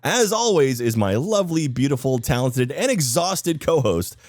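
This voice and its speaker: A man's voice: mid-range voice, big pitch swings, normal speed, a little mellow, no echo, clean studio sound. A man hosting a podcast in a casual, chatty, enthusiastic way, his voice slightly off because he is sick. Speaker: podcast host.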